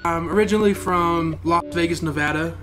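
Excitable man over background music. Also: a little high, fairly quick, rough recording. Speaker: gamer interviewee. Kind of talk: personal testimony to camera.

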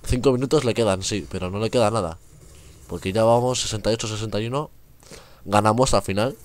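A man's voice: fairly low pitch, fast talker. Chatty young man narrating gameplay. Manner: chatty, rambling, laughs often. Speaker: gaming youtuber. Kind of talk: casual gameplay commentary.

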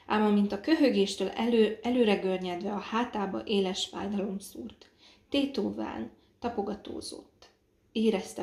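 A woman narrating an audiobook in a measured, dramatic reading. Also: mid-range voice, creaky, darkish tone. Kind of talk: scripted narration. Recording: roomy echo.

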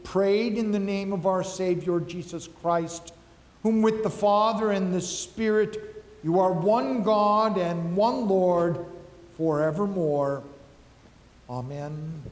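A male pastor slowly and solemnly reciting liturgical prayers, heard with a long cathedral echo in a large church. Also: sits high, a little mellow. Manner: slow, measured, solemn recitation. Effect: cathedral echo, long church reverb. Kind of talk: liturgical prayer and communion rite. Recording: echoey church hall with faint music.

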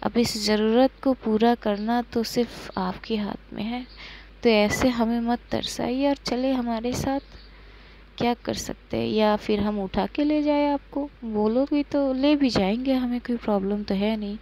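A woman's voice: a little high, unhurried. A woman doing Maisha, a playful flirty lover.

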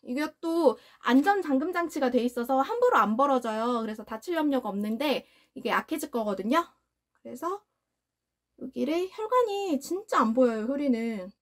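A woman's voice: sits high, expressive, normal speed. A young adult woman casually demonstrating a dog nail grinder, often cooing praise at her dog in a sing-song voice. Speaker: dog owner demonstrating pet grooming product.

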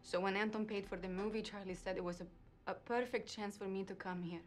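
An actress playing an earnest young Russian woman, a suspect speaking in a measured way in a TV crime drama. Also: mid-range voice, fairly even intonation, faint music behind, natural voice. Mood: earnest, pleading. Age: young adult. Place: interrogation room set, indoors.

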